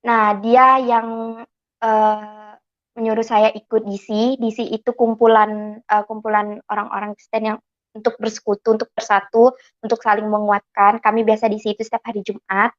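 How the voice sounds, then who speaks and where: A woman tells her conversion testimony in a fairly high voice. She is an animated storyteller who acts out bits of remembered dialogue. The recording sounds dull and lo-fi. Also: normal speed. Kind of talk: personal testimony.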